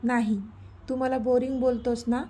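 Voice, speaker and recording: A woman's voice: on the high side, level tone, moderate pace, dark tone, slightly rough, soft background music. Woman voicing a sulky young girlfriend. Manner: sulky, mock-angry.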